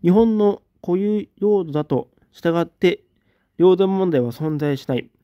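A man in a casual livestream, reading out viewer comments and giving short, relaxed replies. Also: high voice, measured pace, no echo, lo-fi sound. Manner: relaxed, reads comments aloud with brief replies.

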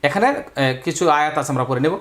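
A man teaching Quran reading, spelling out syllables one by one and then drawing whole words out slowly. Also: a little high, fairly bright tone. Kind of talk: slow letter-by-letter spelling lesson.

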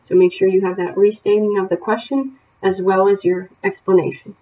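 Woman teacher, read-aloud lesson, plain and steady, dull recording with faint hiss. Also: mid-range voice, normal speed. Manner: steady, plain reading with small self-corrections. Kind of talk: reading a novel aloud and setting homework questions.

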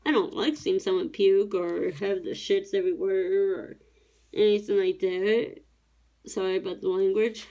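A Tennessee woman in her thirties, a diamond painting YouTuber, chats while crafting at her home table indoors. Her medium-pitched voice is warm, fairly flat in pitch, and at a normal pace, and she rambles chattily, correcting herself as she goes.

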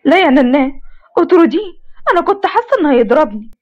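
A woman's voice: high-pitched, lively intonation, rapid-fire, dull audio. A woman voicing a rude, spoiled young woman, whiny and demanding, with an Egyptian accent. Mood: petulant. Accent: Egyptian Arabic. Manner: whiny, petulant.

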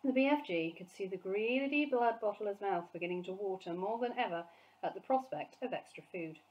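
A woman teacher reading a children's storybook aloud, clear and expressive. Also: medium pitch, moderate pace, muffled recording.

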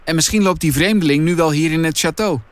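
A man's voice: fairly high pitch, fast talker, clean tone, dry recording, natural voice. A man voicing a nervous, doubtful boy in a storybook reading, sounding anxious.

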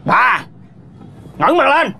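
Theatrical Southern Vietnamese comic actor on stage. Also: male voice, extremely high pitch, very animated, slow pace, creaky. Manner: theatrical, mock-dramatic delivery. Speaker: comedy sketch actor. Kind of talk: stage comedy sketch. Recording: live stage recording, loud audience and noise.

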